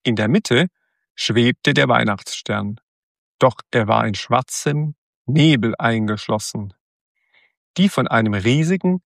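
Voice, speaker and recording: Slow, gravelly male storyteller. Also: medium pitch, no room sound, studio quality. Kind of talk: storybook narration.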